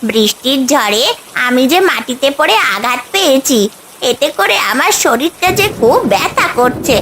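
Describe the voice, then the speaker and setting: A woman's voice: high-pitched, animated, normal speed, fairly bright tone, slight background noise. Woman doing a hurt little cartoon bird. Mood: pleading. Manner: pleading. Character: hurt colorful bird, soft and pleading.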